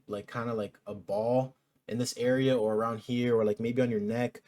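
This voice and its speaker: A man's voice: medium pitch, darkish tone. Chatty young man vlogging. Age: 20s. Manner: casual and chatty, many fillers like "like" and "um". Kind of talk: casual vlog.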